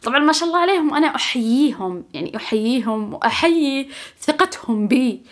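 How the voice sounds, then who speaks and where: A young woman telling a story on her podcast in a casual, animated, self-mocking way, often laughing. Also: high-pitched, fast. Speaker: podcast host.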